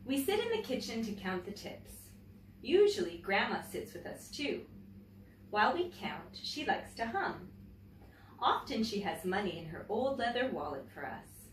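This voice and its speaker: In a mid-range voice, a woman teacher reads picture books aloud to children, phrasing expressively and deliberately and speaking directly to her young listeners with chatty asides. The recording is roomy, with a distant mic and faint background noise.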